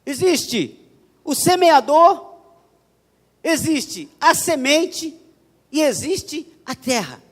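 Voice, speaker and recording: A man's voice: very high-pitched, very animated, very slow, pauses often. A man preaching a sermon as a pastor, with a Paulista accent and an emphatic style that repeats phrases. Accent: Paulista Portuguese. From São Paulo, Brazil. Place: church. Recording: church hall reverb.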